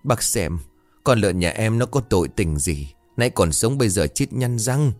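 A man's voice: lowish voice, lively intonation, normal speed, a little mellow, dry recording, faint music behind, lightly acted. A man voicing an older village woman who owns a pig, lamenting in a raised voice. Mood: tearful.

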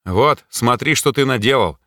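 A man voicing a weary, sharp-tongued male mage in an audiobook, curt and commanding. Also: mid-range voice, animated, normal speed, no echo, clean studio sound, voice pushed up. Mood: weary irritation.

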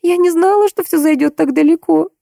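A woman reading an audiobook, voicing a distraught young woman who pleads and cries out in a higher voice. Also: a little fast, gravelly, dark tone, no room sound, clean studio sound. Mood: tearful. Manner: pleading, raised and tearful. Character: young woman, tearful and horrified.

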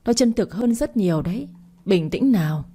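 A woman's voice: medium pitch, lively intonation, normal speed, warm tone, slightly rough. A woman voicing a cruel, sneering mistress who taunts mockingly in a storybook reading. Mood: taunting.

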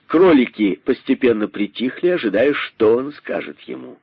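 Male narrator, radio story reading, expressive, lively intonation, dull dry recording. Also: mid-range voice, moderate pace, vocal fry, husky, no echo.

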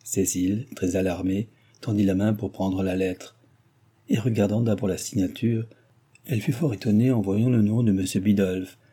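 Guy narrating an old novel, very dark husky voice, kinda low. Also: fairly even intonation, normal speed. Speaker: audiobook narrator. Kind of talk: audiobook reading of a classic novel.

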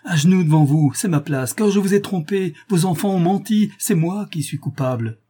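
A man's voice: high-pitched, animated, moderate pace, mellow, breathy edge, voice pushed up. A man voicing a desperate confessing noblewoman. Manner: impassioned, crying out. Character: desperate noblewoman confessing, middle-aged wife.

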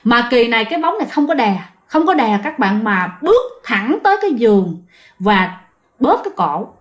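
Her voice is a little high and sing-song, at normal speed, as she casually spins a ghost story in a Southern Vietnamese accent. The woman addresses listeners directly and fills her speech with frequent fillers.

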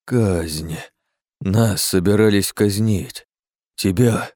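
A huge monster, once a man, rumbles low and shouts in distress, as a male audiobook reader voices him. The sound is close and dry. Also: very slow, no room sound. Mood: dazed.

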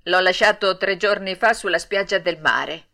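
A woman's voice: lowish voice, normal speed, vocal fry, sharp tone. A woman voicing a large male pigeon in an audiobook, speaking steadily and matter-of-factly. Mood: calm. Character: big male pigeon, calm helper.

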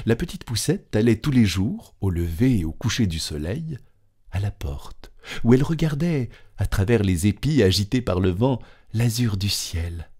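A man narrating a children's audiobook in a calm, measured storytelling manner. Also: sits low.

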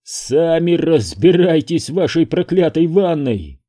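A man voicing a frightened, blustering male landlord who shouts in alarm, for an audiobook. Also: mid-range voice, sing-song, drawn-out words, slightly rough, heavily acted. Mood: rattled angry. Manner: shouting, rattled and angry. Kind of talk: audiobook reading.

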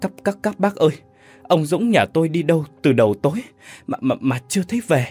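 A man's voice: on the high side, animated, fairly quick, a little mellow, slightly rough, soft background music, voice pushed up. A man voicing a terrified village wife who stammers and repeats her words.

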